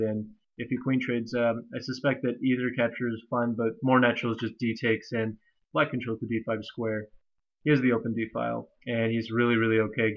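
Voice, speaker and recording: A young man with a nasal, stuffy voice from allergies, casually walking through a chess game with many fillers and restarts. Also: medium pitch. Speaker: chess commentator. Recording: slightly dull lo-fi recording.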